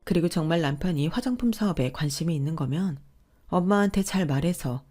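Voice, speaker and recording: A woman narrating her own story in a quiet, confiding scripted telling. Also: lowish voice, lively intonation, fairly quick, faint music behind.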